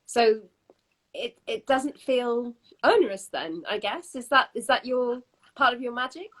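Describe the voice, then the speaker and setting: A woman's voice: a little high, animated, a little slow, rough recording. A woman interviewer who asks long, rambling, hesitant questions.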